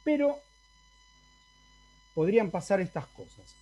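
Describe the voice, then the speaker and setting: Slow, patient Argentine man lecturing. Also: sits high, very animated, mellow. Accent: Argentine Spanish. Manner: explains step by step, often checking with "¿no?". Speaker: university Latin lecturer. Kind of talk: university lecture.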